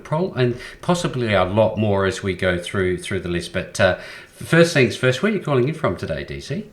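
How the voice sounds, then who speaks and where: Low-voiced male host who hesitates. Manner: hesitant, repeats words, many fillers. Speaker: show host. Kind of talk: casual interview hosting.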